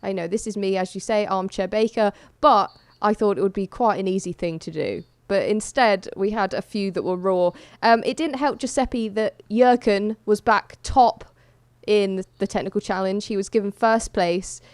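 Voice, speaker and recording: A woman's voice: mid-range voice, normal speed, no room sound. A woman hosting a podcast, chatting casually about a baking show with light amusement. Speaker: podcast host. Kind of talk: casual chat.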